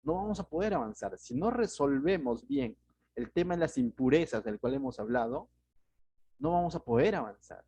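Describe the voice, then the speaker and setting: Peruvian pastor teaching conversationally. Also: male voice, medium pitch, lively intonation, normal speed, mellow, slightly rough, dry recording. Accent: Peruvian Spanish. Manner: conversational, asks the listeners rhetorical questions. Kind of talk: verse-by-verse Bible teaching.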